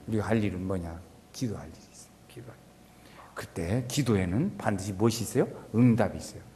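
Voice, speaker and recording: A man preaching a sermon who quizzes the congregation and swings from shouts to hushed asides. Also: sits high. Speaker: pastor. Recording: long hall reverb.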